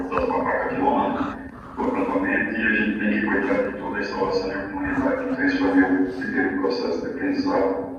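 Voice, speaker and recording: A man's voice: deep voice, lo-fi sound, noisy background. Reflective man, distant in an echoey hall. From Northeast Brazil, Piauí backlands. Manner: reflective, halting, frequent "né" fillers. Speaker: agronomist and social pedagogy association director. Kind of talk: personal testimony at a celebration event. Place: large hall at an event.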